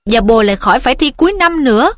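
A woman's voice: on the high side, lively intonation, quick pace, no room sound, clean studio sound, close to an everyday voice. A woman voicing a jealous, sulky teenage boy in an audiobook reading, speaking in a sarcastic, needling way.

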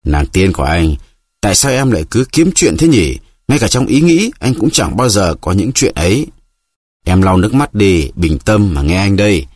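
A man's voice: sits low, sing-song, normal speed, a little mellow, husky, no echo, studio quality, heavily acted. A man playing a flustered pleading husband. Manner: pleading, exasperated.

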